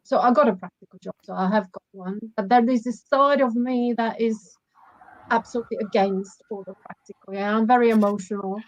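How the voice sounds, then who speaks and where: A woman's voice: on the high side, steady tone, brisk, lo-fi sound. A woman from the Republic, a guest photographer speaking in a reflective, hesitant way with many fillers. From Czech Republic. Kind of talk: casual interview.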